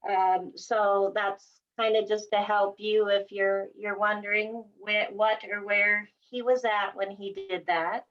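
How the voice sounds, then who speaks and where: A woman's voice: medium pitch, flat delivery, measured pace, few pauses. A woman hosting a casual chat, explaining things step by step in a reassuring way. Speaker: host. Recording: dull lo-fi sound.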